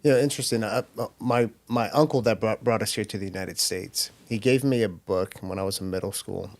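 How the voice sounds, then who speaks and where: A man's voice: lowish voice, a little fast, no room sound. A man hosting an interview, giving short encouraging responses and asking follow-up questions. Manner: encouraging, brief affirmations. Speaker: podcast host. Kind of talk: casual interview.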